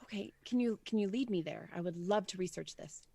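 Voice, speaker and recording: A woman's voice: medium pitch, brisk, creaky, warm tone, breathy edge. A woman playing a tabletop role-playing game who speaks in character in an earnest, casual, giggly way. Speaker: player.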